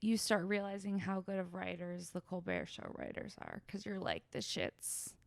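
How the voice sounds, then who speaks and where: A woman podcast host with a Valley girl accent and vocal fry, chatting casually and teasingly in slangy, like-filled sentences. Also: lowish voice, sing-song, normal speed, no echo. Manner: slangy, teasing, heavy use of "like". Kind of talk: casual comedic chat.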